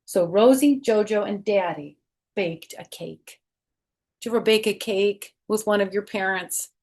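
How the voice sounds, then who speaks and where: Reading aloud to kids in a small, furnished room at home, this middle-aged storytime reader brings a picture book to life with expressive delivery and chatty side comments. Her mid-range voice is slightly mellow and keeps a measured pace.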